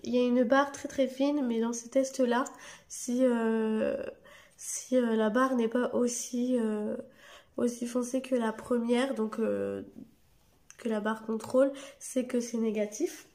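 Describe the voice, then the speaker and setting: A young woman who vlogs about family life talks directly to the camera in her home at night, lit artificially. Her cold makes her voice hoarse and gravelly, slightly high, steady and a little mellow. Her talk rambles, full of pauses, hesitations and fresh starts.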